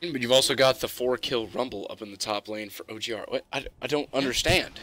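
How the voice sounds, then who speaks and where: A young man doing joking live esports play-by-play that bursts into shouted hype calls. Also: mid-range voice, brisk. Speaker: esports caster.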